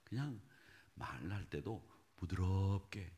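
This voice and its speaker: A man preaching a sermon as pastor, animated and talking straight to his congregation, dropping at times to hushed asides. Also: low voice, takes it slowly. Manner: animated, swings from loud exhortation to hushed whispered asides; talks directly to the congregation with questions. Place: church sanctuary.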